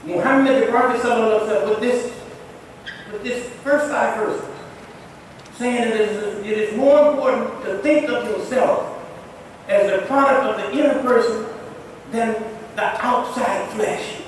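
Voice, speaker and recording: A man's voice: very high-pitched, moderate pace. A man giving an emphatic Friday sermon as imam, speaking directly to the congregation in a mosque. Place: mosque prayer hall. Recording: echoey far-off hall recording, faint noise.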